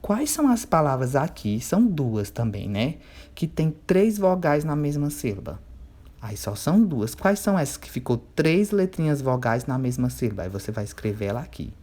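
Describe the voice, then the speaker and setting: A man, teaching a remote workbook lesson to children. He checks in often and stretches words slowly when he spells out syllables. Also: mid-range voice, big pitch swings, a little mellow.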